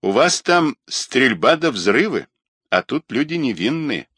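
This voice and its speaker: A man's voice: mid-range voice, big pitch swings, unhurried, fairly bright tone, breathy edge, dry recording, studio quality, voice pushed up, exaggerated voice. A man voicing a stern, suspicious older retired colonel who scolds a younger man.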